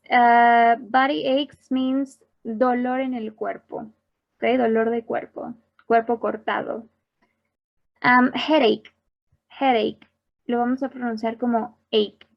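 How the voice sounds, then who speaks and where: Woman, teacher, very slow and careful, repeats each term, slightly high voice, dull lo-fi recording. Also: creaky. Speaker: English teacher for health workers. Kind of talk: recorded online class explaining slides.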